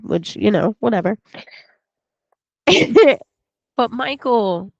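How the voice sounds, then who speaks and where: A woman with a gravelly, creaky edge to her mid-pitched voice talks through a movie recap in a loose, rambling way, stopping and restarting her sentences. The recording is dry and a little dull, like lo-fi podcast audio. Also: darkish tone, no echo. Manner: rambling retelling full of fillers and restarts, acting out quotes. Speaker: podcast co-host. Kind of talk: casual podcast film recap.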